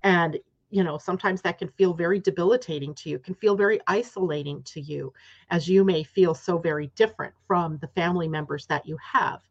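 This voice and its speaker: A woman's voice: lowish voice, brisk, dull audio. A woman hosting a live astrology show, reading a guest's chart and explaining it step by step, often checking in with "right?". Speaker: astrology host.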